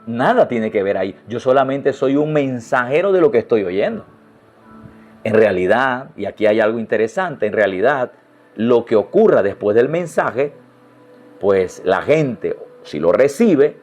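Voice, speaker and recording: A male pastor preaching a sermon with lively exclamations and rhetorical questions, addressing his congregation directly. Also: mid-range voice, gravelly.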